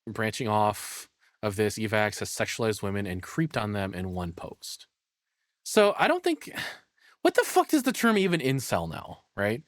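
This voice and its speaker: A streamer gives casual live reaction commentary on a video, blunt, profane, and opinionated, rambling as he thinks aloud. His lowish voice swings widely in pitch at normal speed. The sound is very dry, with no echo.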